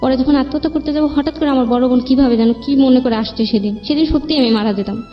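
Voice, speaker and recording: A woman with a high voice and a Bangladeshi accent tells her own story in an interview, talking fast. Her narration is plain and rambling, full of quoted dialogue. The audio is band-limited and dull, with music in the background.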